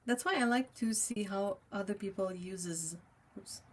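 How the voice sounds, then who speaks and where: With an unhurried, slightly rough, mid-range voice, a young woman speaking with a French Canadian accent chats with livestream viewers while painting. A native French speaker, she reads the chat out loud and laughs often.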